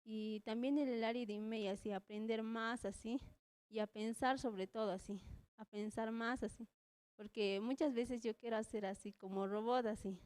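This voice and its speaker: A woman's voice: a little high, fairly even intonation, normal speed, darkish tone, smooth. A young woman volunteer giving a hesitant church testimony, nervous and trembling, filling every phrase with the same little word. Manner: hesitant, repeats "así" constantly, nervous. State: trembling with nerves.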